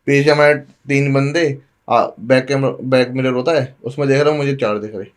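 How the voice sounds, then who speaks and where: A young man from Delhi speaks as a podcast guest in a mid-pitched voice. He tells his story casually and with plenty of animation. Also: moderate pace. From Delhi, India. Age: young adult. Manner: animated, acts out quoted dialogue with lively shifts.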